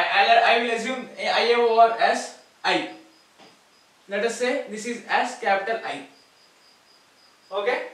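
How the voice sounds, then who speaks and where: A man's voice: very high voice, a bit bright. A man with an Indian English accent teaching maths at a board, explaining step by step and repeating key words. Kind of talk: whiteboard lecture. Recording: echoey room, far from mic.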